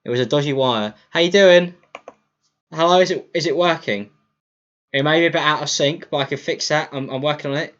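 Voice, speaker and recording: A man's voice: on the high side, a little fast, fairly bright tone. A man chatting casually on a livestream through a cheap mic. He rambles, apologizes, and stumbles over his words. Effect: lo-fi livestream mic audio. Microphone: cheap computer mic for streaming. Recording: dull lo-fi streaming mic, faint music.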